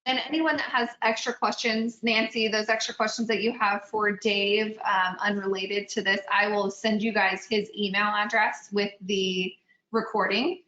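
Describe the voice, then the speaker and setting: Woman moderator, video call audio, bright, roomy and muffled. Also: medium pitch, flat delivery. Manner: upbeat, quick acknowledgements. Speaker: webinar moderator. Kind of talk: moderating a panel webinar.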